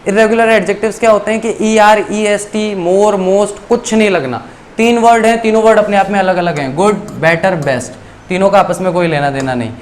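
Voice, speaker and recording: A man teaching English grammar in a classroom-style lesson, explaining rules step by step and reading the English lines aloud slowly. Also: high-pitched, steady tone, slight background noise.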